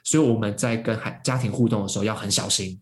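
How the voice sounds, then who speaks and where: A man's voice: fairly low pitch, fairly even intonation, fast talker. A man telling a story in casual conversation, with many fillers and restarts, acting out the voices of the people in it. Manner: acts out quoted voices of parents. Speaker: podcast guest.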